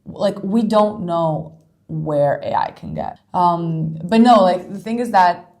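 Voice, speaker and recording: A woman's voice: fairly low pitch, expressive, takes it slowly, darkish tone. A woman co-hosting a podcast in casual chat, a little tired, thinking aloud with lots of fillers. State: tired, yawning. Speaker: podcast co-host.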